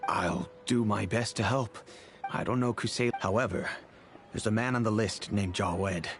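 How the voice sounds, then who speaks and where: An actor playing a calm, reserved, helpful man in a video game, with a gravelly, measured voice. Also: lowish voice, lightly acted. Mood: earnest, calm. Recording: music under the voice.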